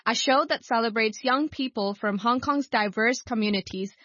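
Woman radio host, fairly high voice, dry dull lo-fi broadcast sound. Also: moderate pace, bright, forceful tone, no room sound. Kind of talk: scripted radio hosting and interviewing.

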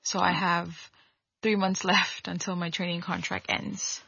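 A woman in her twenties from Hong Kong chats easily as an interview guest, telling stories in a relaxed way. Her voice sits fairly low, and the recording is dry and dull, with a lo-fi sound. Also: unhurried, creaky, husky, no echo. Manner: relaxed, chatty storyteller with little laughs. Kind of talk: casual interview talk.

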